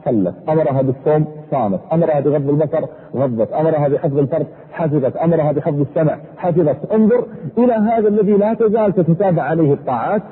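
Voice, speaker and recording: A man preaching a sermon in a husky voice, fervent, his pitch sweeping up and down. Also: expressive, fast. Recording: echoey hall over a tinny phone-like line.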